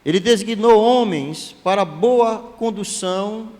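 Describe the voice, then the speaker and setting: A man, a church elder preaching a sermon in a lively, conversational way with joking asides. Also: high voice, measured pace. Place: church hall. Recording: long hall reverb.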